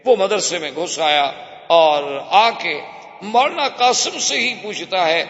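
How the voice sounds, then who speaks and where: A male preacher telling stories in an animated sermon, with shifting pitch and strong emphasis. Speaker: religious preacher. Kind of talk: storytelling sermon. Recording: echoey hall, dull lo-fi sound.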